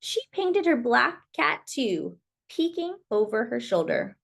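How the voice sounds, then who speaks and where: Reading a children's picture book aloud, this woman has a fairly high, very lively voice that is also slow and creaky. She performs the story expressively while addressing the young audience with exclamations and remarks on the illustrations.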